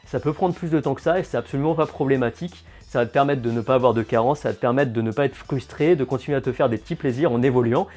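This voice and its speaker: Lively man explaining diet myths. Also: medium pitch, fast, few pauses, faint music behind. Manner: lively, direct, sarcastic asides. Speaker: fitness and nutrition coach. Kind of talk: casual explainer vlog.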